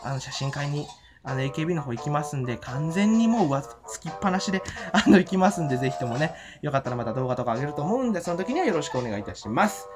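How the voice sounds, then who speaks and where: A man giving an excited, giddy and rambling fan report from home, full of fillers and giggles. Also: a little high, rapid-fire, over music. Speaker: fan vlogger. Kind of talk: casual event report vlog. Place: at home after the event.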